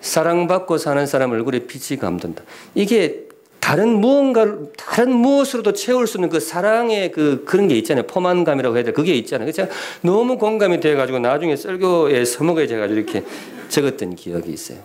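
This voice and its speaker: Man, middle-aged pastor, sermon in church, animated up-and-down pitch, humorous and questioning. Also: brisk. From Gyeongsan, North Gyeongsang, Korea. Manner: lively preaching with questions and humor to the congregation. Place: church sanctuary.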